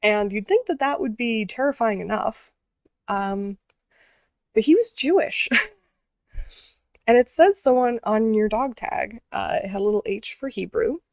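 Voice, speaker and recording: Woman, casual earnest storytelling, lots of fillers, gravelly voice, dry close sound. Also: on the high side, lively intonation, unhurried, long pauses, a little mellow, dry recording. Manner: earnest, with many fillers and restarts. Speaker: vlogger telling stories.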